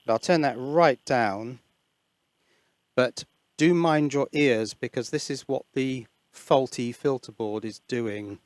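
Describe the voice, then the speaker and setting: At an indoor electronics workbench, the host of an electronics hobby channel gives an informal hands-on demonstration using a headset mic. His medium-pitched voice moves slowly as he muses hesitantly and thinks aloud, in a dry recording.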